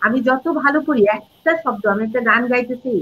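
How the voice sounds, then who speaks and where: A woman's voice: a little high, brisk, slight background noise. A middle-aged woman, a Bangla teacher and reciter, explaining pronunciation rules in a live interview and demonstrating words and short sung lines. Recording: dull lo-fi audio.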